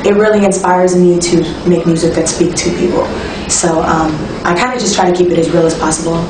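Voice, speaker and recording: A young woman, a singer-songwriter talking casually in an interview, relaxed and reflective with frequent ums and restarts. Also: on the low side, fairly quick, noisy background. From Toronto, Canada. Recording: echoey room, distant mic, music behind.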